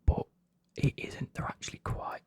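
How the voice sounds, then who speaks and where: A man's voice: moderate pace, a little mellow, no echo, studio quality. A man whispering an ASMR unboxing as host, in a chatty, enthusiastic, informal manner.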